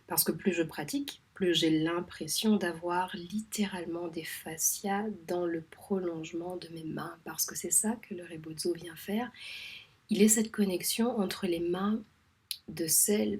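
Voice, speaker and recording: Woman, midwife from Réunion, very husky breathy voice, lowish pitch, soft half-whispered delivery. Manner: soft, measured, often half-whispered with many hesitations. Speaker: home midwife. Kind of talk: reflective spoken monologue.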